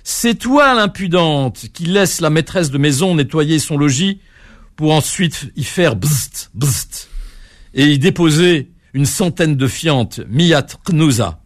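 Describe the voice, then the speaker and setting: A man voicing a haughty female frog who scolds her visitors in high, indignant bursts in a spoken folk tale. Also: expressive, a little slow. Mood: scornful.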